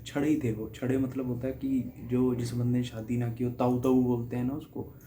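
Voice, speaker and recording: Mellow-voiced young man telling a story. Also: mid-range voice, flat delivery, normal speed, a little hiss or hum. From Haryana, India. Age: young adult. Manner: reflective, conversational, with small laughs and restarts. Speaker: guest reader sharing a personal story. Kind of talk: casual personal storytelling.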